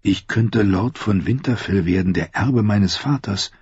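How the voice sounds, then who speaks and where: A man voicing a brooding, withdrawn young man, speaking low and inward, on a slightly dull lo-fi audiobook recording. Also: a little slow, a little mellow, slightly rough, no room sound.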